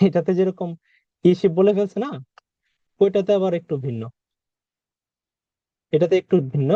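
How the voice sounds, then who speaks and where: A man's voice: sits high, moderate pace, dark tone, no room sound. Patient man teaching vocabulary, dull sound. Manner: patient, repeats and quizzes the listener. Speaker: Korean language teacher. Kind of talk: vocabulary lesson.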